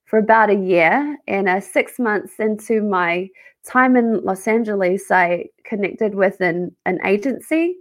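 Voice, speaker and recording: A woman's voice: medium pitch, measured pace. A woman in her thirties with a New Zealand accent, chatting upbeat as an interview guest. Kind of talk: casual interview chat.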